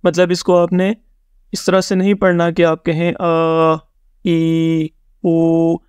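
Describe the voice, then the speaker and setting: A man with a fairly high, smooth and clean voice teaches a beginners' reading lesson. He sounds dry and close, without room echo. He is patient, repeats every rule, checks in often and sounds out each example slowly, mixing English words into his explanations. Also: little pitch movement, darkish tone. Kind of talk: step-by-step recorded lesson.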